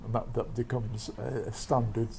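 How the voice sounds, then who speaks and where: A man's voice: medium pitch, level tone, moderate pace, gravelly, warm tone, slight background noise. A man being interviewed as a guest, informally explaining something technical. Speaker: interview guest, satellite society member. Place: livestream studio.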